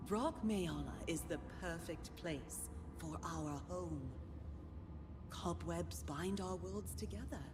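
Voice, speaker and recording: A woman's voice: fairly low pitch, slow pace, over music. A woman voicing an imperious, menacing spider-like hive queen in a fantasy video game, regal and grandiose in her delivery. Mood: grand, possessive.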